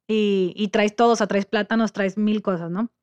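A woman's voice: mid-range voice, normal speed, muffled recording. A woman with a Mexican accent telling a story in casual chat, acting out the voices of the people she quotes. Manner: lively storyteller who acts out quoted voices.

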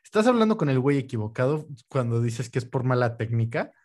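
A man with a Mexican accent, talking in a loose, casual way. His voice is mid-pitched, and he jokes and banters using everyday slang. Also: big pitch swings, fast talker, noisy background. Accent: Mexican Spanish. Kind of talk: casual chat.

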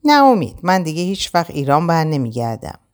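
A woman's voice: deep voice, very animated, darkish tone. A woman reading the lines of a sad, homesick young man in a storybook. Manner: sighing, downcast.

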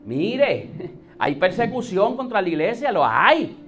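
Guy preaching, pretty high voice, asks questions, gets loud and stretches words out. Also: very animated, unhurried, highs cut off, faint music behind. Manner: addresses listeners formally, rhetorical questions, rises to emphatic peaks. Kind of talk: sermon.

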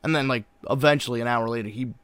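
A young American man talks in full frat-bro mode, loose and slangy with swearing sprinkled all through. His voice sits at an average male pitch in a close, dry recording, like a co-host chatting casually on a podcast. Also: quick pace, fairly bright tone, dry recording. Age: young adult. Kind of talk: casual chat recapping a show.

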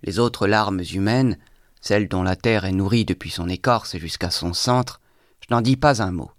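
A man's voice: fairly low pitch, normal speed, no echo, studio quality, lightly acted. A man reading aloud, voicing a bitter young intellectual who talks in a feverish, exalted monologue.

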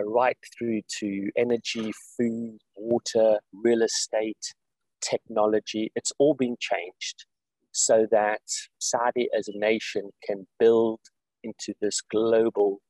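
A man from South Africa, an executive director, explains his work in an interview over a video call, talking in a measured way with many fillers and restarts. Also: on the low side, a little mellow, no echo, rough recording. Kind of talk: interview conversation. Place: Saudi Arabia, remote call.

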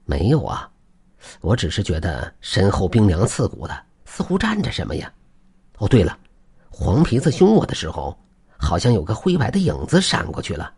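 A gruff old farmer from a told folk tale speaks bluntly and plainly, as a man puts him on. His voice is husky, with lively rises and falls. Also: lowish voice, moderate pace, full character voice. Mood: earnest. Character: old male farmer, gruff then remorseful.

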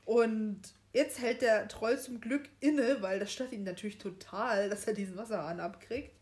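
A young woman in casual chat, retelling a story scene by scene, quick to correct herself and laughing easily. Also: medium pitch, darkish tone. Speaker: podcast co-host reading a book aloud.

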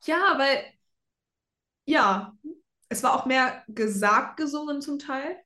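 A young woman with a fairly high voice chats casually as a podcast co-host. She mixes English words into her German as she talks. The recording is roomy, with clear echo around her voice. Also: expressive, slow pace, bright, forceful tone. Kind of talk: casual fan chat. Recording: roomy, echoey sound.

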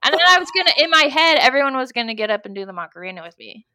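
A woman in her thirties, a comedian guest, telling an animated story in casual podcast chat, acting out her own quotes. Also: high voice, racing, background noise.

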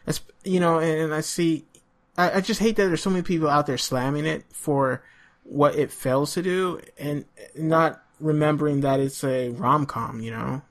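A man's voice: a little high, steady tone, normal speed. A man hosting a casual podcast, rambling with many fillers and restarts. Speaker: podcast host.

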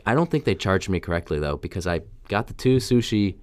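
A man's voice: low voice, very animated, brisk, no room sound, studio quality. A young man co-hosting a casual podcast while sick, laid-back and hesitant, stumbling through fillers. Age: young adult. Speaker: podcast co-host. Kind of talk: casual chat between friends.

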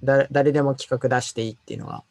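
A man's voice: mid-range voice, steady tone, racing, dry recording. A man, also a designer, speaking in a casual work conversation, hesitant, with many fillers and stumbled words.

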